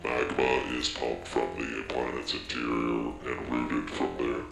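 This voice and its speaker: A man using a voice modulator to do a deep robotic computer voice, delivering game lines in a monotone. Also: measured pace, creaky, heavily acted. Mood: flat robotic. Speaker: podcast host playing a game. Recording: echoey, loud music behind.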